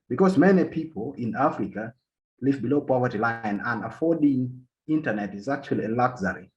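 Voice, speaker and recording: On a panel, a Ugandan man gives an academic talk on policy in a medium-pitched, slightly mellow voice. He halts often and repeats words as he restarts sentences, and the lo-fi recording sounds dull.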